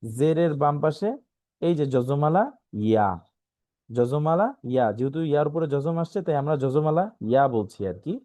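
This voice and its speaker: A man with a Bangladeshi Bengali accent, teaching an online Quran reading class, spelling out letters slowly and often checking in with "right?". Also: fairly high pitch, dark tone, no echo. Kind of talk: online lesson.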